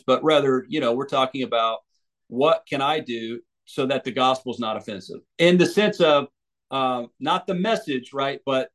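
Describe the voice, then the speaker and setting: A man's voice: medium pitch, a bit bright. A man from the United States, an evangelist and author, answering interview questions thoughtfully, with many restarts and fillers.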